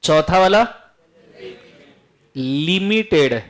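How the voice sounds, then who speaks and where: A man with a notably high voice teaches a classroom full of students. He, and he keeps things lively and teasing, firing questions at the class as he goes. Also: drawn-out words. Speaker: law teacher. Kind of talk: classroom lecture.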